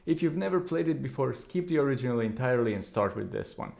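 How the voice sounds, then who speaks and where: A man's voice: mid-range voice, lively intonation, fast, creaky, a little mellow. A man narrating a scripted video game review, opinionated and with wry asides.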